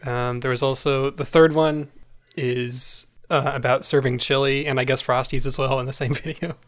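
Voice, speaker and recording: A man hosting a podcast, talking in a relaxed, hesitant way with many fillers. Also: medium pitch, normal speed. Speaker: podcast host. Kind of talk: casual chat.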